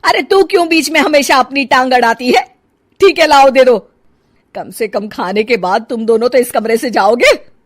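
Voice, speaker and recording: An older Indian-drama style mother voiced by a woman, high and very animated. She sounds plaintive and easily irritated, in a story recorded dry and close. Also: measured pace, no echo. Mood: irritated, stubborn. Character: sad older mother, curt with stepson, pining for own son. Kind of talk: acted dialogue in a Hindi family audio story.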